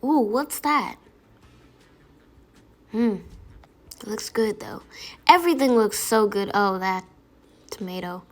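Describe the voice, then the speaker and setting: A woman doing a casual food-review voiceover, excitable and gushing over the food, with music behind her. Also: mid-range voice, slow pace, pauses often.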